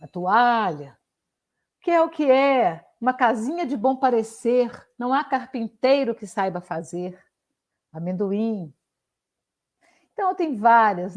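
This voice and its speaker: A woman's voice: mid-range voice, darkish tone. An older woman, a professor giving a playful live online talk, reciting riddles and tongue twisters with frequent restarts over a video call microphone. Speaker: guest speaker, professor.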